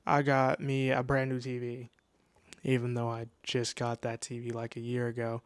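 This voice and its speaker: A man's voice: mid-range voice, completely flat delivery, normal speed, clear, resonant tone, no echo. A nineteen-year-old man telling a casual storytime into his microphone at home, rambling with lots of restarts and slang. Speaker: vlogger. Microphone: new desk microphone.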